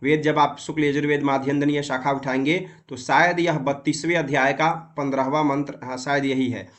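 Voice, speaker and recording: A man teaching how to read and memorize Vedic mantras, explaining patiently and chanting the syllables slowly and drawn out. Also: mid-range voice, flat delivery, a bit bright. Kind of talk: recitation lesson.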